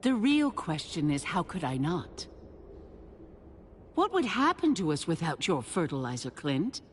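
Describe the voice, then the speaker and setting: A haughty scheming leader. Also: female voice, fairly low pitch, very animated, measured pace, long reverb tail, a little hiss or hum. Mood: defiant. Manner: haughty and unapologetic. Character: cold, scheming woman community leader. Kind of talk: video game voice acting.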